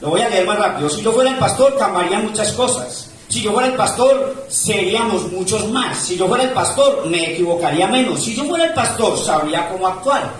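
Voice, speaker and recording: Male pastor with a high voice, preaching with swelling emphasis, heard from a distance in an echoey church. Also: expressive, a little fast, few pauses, slight background noise. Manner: preaching with rising and falling emphasis, reads scripture aloud. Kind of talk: sermon. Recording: echoey church room from far off.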